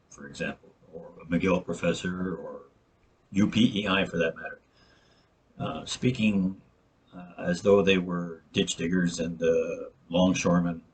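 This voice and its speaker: A man's voice: low voice, husky. A man, a novelist, talking casually to camera about writing, earnest and often restarting words with frequent fillers. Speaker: novelist sharing writing tips.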